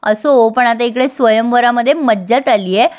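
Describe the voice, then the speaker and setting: A woman's voice: fairly high pitch, normal speed, darkish tone. Chatty woman recapping a serial. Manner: chatty, addresses viewers directly. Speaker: TV serial reviewer. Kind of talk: casual episode recap.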